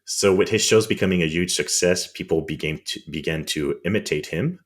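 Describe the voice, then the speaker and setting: A man's voice: sits low, a little fast. A man with a French accent, co-hosting a podcast and telling history in a conversational way with wry, indignant asides. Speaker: podcast co-host.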